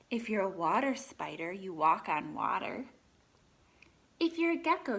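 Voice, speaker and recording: Speaking a little high, a woman gives an expressive reading of a picture book for children. She pauses often to chat and put questions to the kids listening.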